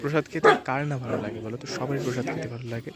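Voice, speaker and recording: A man's voice: medium pitch, very fast. A man narrating a casual vlog, chatting straight to his viewers from a village. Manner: chatty, addresses viewers directly. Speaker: vlogger. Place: village outdoors. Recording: background noise and outdoor ambience.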